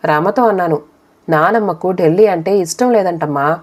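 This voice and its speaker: తక్కువ స్థాయి గొంతుతో ఒక మహిళ నిదానంగా, స్థిరంగా కథను మొదటి వ్యక్తిలో చదువుతుంది. ఆడియో పుస్తకం తరహా కథనం. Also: female voice, fairly low pitch, normal speed. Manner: calm, steady first-person reading. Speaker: storyteller. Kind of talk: audiobook story narration.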